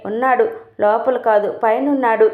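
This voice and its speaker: A woman's voice: a little high, steady tone, a little fast, close to an everyday voice. A woman reading the lines of a sarcastic, nosy older father in a grumbling way, in a tinny, roomy recording.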